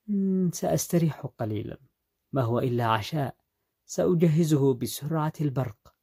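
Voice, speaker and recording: A man's voice: fairly high pitch, expressive, moderate pace, warm tone, breathy edge, pitched above the performer's own voice. A man voicing a lazy, carefree young wife who talks in a nonchalant, dismissive way. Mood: careless.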